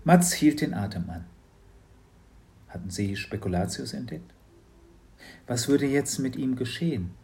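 Male narrator for a children's audiobook, lively storytelling. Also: medium pitch, unhurried, creaky, long pauses.

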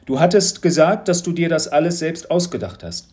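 Audiobook role: male narrator doing a knowing, insinuating teacher, higher and louder than his narration. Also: very animated, normal speed. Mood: probing. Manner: insinuating, leading questions. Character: mysterious probing male teacher, knowing and sly. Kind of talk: audiobook storytelling.

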